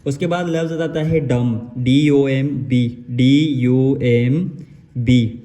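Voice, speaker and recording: Mellow-voiced man teaching pronunciation. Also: mid-range voice, steady tone. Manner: repetitive, spells words out letter by letter slowly. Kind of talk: explanatory lesson.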